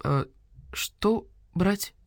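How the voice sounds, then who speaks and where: A woman voicing a calm, polite elder badger detective who speaks patiently and with measured reasoning. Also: mid-range voice, dry recording, clean studio sound, pitched above the performer's own voice.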